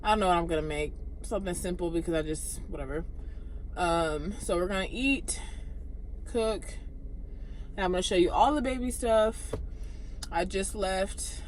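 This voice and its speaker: A woman's voice: on the low side, moderate pace, a little hiss or hum. A young woman vlogging in a casual, rambling way, out of breath and full of fillers. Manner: rambling, chatty, lots of fillers. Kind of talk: casual vlog chat. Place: parked car; home kitchen.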